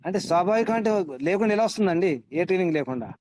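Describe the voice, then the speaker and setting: A man's voice: high-pitched, lively intonation, racing, darkish tone, slight background noise. A man teaching a scripture class, quizzing his students and repeating his points for emphasis. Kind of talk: interactive class lecture.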